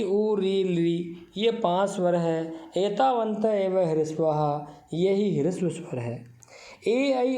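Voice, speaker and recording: Unhurried man teaching Sanskrit grammar. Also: high-pitched, mellow, reverberant. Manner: recites Sanskrit definitions, then explains them plainly; drawn-out vowels when demonstrating sounds. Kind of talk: exam-prep grammar lesson.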